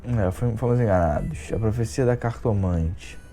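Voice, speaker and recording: Fast-talking Brazilian man, dark-toned. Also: lowish voice, soft background music. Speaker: gameplay streamer. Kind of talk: casual game commentary, reading dialogue aloud in translation.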